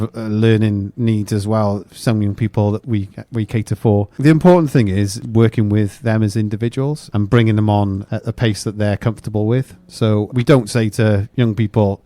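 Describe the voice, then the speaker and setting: A man's voice: on the low side, warm tone, no room sound. A man explaining things conversationally as a guest in a casual interview. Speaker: guest, youth training provider staff.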